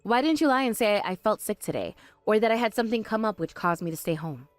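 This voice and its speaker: A woman voicing a calm, sharp-tongued young woman in an animated story, speaking firmly and with dry exasperation. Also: medium pitch, fast talker, no echo, soft background music, natural voice.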